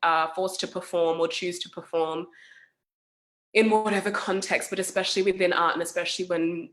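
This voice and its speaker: Young woman artist, reflective and halting, lower voice, heard over a video call. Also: steady tone, fairly bright tone. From South Sudan. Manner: thoughtful, hesitant, many fillers. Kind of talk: casual reflective talk.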